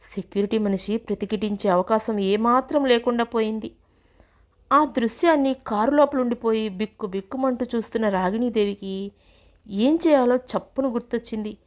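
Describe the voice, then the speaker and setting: A woman's voice: on the high side, normal speed. Woman narrating a story. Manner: steady, descriptive reading.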